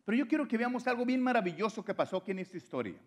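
A man preaching a sermon, moving between loud exhortation and quiet, low drops. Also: very animated, racing.

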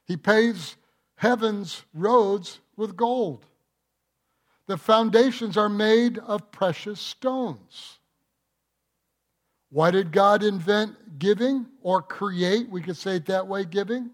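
Male pastor, slightly high voice, unhurried delivery, emphatic sermon with rhetorical questions. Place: church.

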